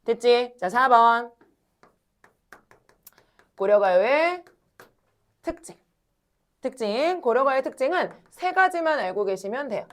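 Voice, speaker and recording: A woman teaching a classroom lecture, talking straight to her students, asking questions and answering them herself, and stretching words slowly when she demonstrates. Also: fairly high pitch. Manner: animated, addresses students directly, asks and answers own questions.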